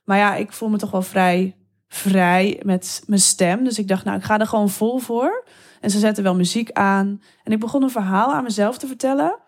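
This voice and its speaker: A woman's voice: mid-range voice, fairly even intonation. Enthusiastic Dutch-speaking woman, candid. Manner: open, enthusiastic, quick bursts with laughs. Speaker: guest telling erotic stories. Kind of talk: interview conversation.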